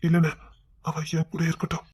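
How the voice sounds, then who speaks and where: An actor voicing a gentle young husband and father in a cartoon web series, with a Kanyakumari Tamil accent and a soft, hushed delivery. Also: fairly high pitch, completely flat delivery, brisk, husky. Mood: evasive. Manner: soft, tender, often hushed.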